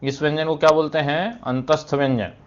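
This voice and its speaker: A male Hindi teacher explains a classroom lesson step by step, asking questions and answering them himself. He keeps adding "thik hai" between phrases and clears his throat now and then. His fairly high, fairly even voice runs a little fast, in lo-fi sound.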